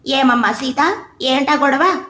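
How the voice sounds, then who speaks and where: A woman's voice: high voice, slow, exaggerated voice. A woman voicing an outspoken village neighbor woman who talks bluntly and teases. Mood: blunt teasing. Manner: direct, teasing. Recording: roomy with soft background music.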